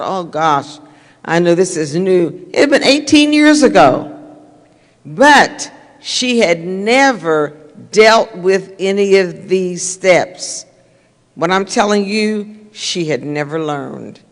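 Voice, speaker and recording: An older woman, giving an earnest, repetitive, conversational talk to a congregation as a minister. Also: fairly low pitch. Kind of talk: sermon-style talk to a congregation. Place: church sanctuary. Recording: reverberant church hall.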